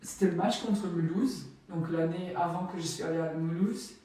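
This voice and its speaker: A woman's voice: on the low side, moderate pace, warm tone, a little hiss or hum. A young woman from Belgium, a Flemish speaker with a Flemish accent, chatting casually and with many fillers as she gives a tour of her home. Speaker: volleyball player. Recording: echoey room from a distance.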